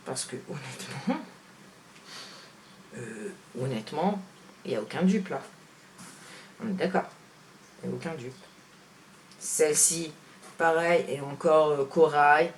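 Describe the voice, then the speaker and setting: A woman's voice: deep voice, unhurried, pauses often, slight background noise. Woman, beauty vlogger, casual makeup review, chatty, blunt opinions, lots of filler words, faint ambience. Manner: chatty, hesitant, full of "voilà" and "hein" fillers; frank, opinionated. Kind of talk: casual product comparison vlog.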